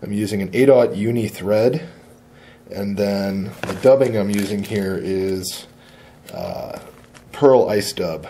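Man, low mellow voice, relaxed step-by-step fly tying lesson, faint hum in background. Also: takes it slowly. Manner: relaxed, plain-spoken, with frequent uh fillers. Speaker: fly tier at a fly shop. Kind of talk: instructional tying demonstration. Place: tying bench indoors.

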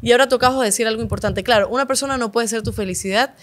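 A woman in her thirties hosts a relaxed, personal conversation with a guest. Her voice sits fairly high, and she stresses points by repeating words. She sounds open and expressive. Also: racing. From Ecuador. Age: 30s. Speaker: talk show host. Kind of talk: casual heartfelt chat.

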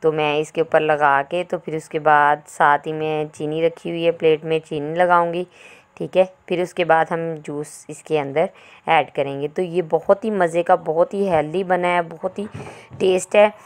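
A woman's voice: low-pitched, fairly even intonation, normal speed, clean tone. A woman, hosting a home cooking tutorial as a voice-over, chatty and explaining each step. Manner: chatty, explains each step, often adds "theek hai". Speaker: cooking channel host.

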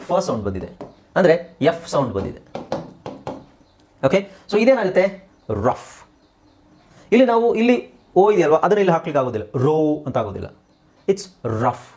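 A young man with a Kannada accent teaching English pronunciation, repeating words slowly and asking and answering his own questions. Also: a little high, a little mellow. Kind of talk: spoken English lesson.

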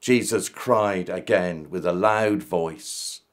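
A man in his fifties reading a solemn, measured devotional reflection to camera. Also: sits low. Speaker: Methodist minister.

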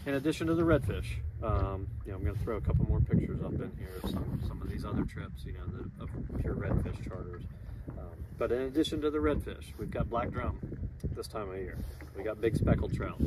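A chatty Florida fishing guide, a man with a lowish voice and a brisk pace, gives a casual monthly fishing report to camera from a small boat on a lagoon. He's relaxed and upbeat, with many "um"s, and loud wind and water noise hits the outdoor mic.

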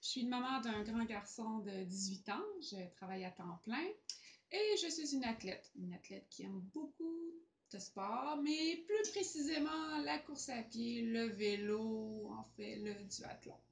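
A woman's voice: fairly high pitch, lively intonation, unhurried. A woman in her forties with a Quebec French accent, talking hesitantly with lots of fillers and restarts as she gives a casual testimonial to the camera. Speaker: sponsored athlete. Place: small room indoors, at a table. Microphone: camera in front, seated. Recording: echoey room.

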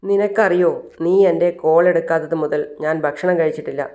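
A woman's voice: deep voice, steady tone, a little fast, darkish tone. A storyteller voicing a hurt, angry young woman who confronts a friend with pleading, reproachful questions.

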